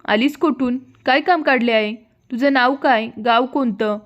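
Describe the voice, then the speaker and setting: A woman's voice: high voice, unhurried, lo-fi sound. A woman voicing a worried young maidservant who questions anxiously in a folk tale.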